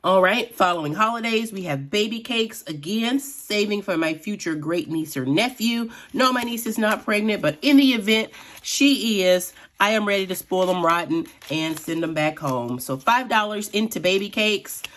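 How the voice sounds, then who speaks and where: A middle-aged woman with a raspy voice, chatting casually as she counts cash out loud. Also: mid-range voice, animated, normal speed, a little hiss or hum. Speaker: budgeting vlogger. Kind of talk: casual vlog narration.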